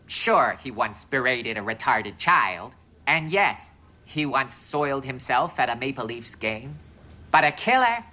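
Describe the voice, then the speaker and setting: Snarky puppet doll, bright sharp voice, gleeful. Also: female voice, a bass voice, full character voice. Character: female comfort-doll puppet, snide, a gossip-hungry amateur journalist. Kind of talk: sitcom puppet acting.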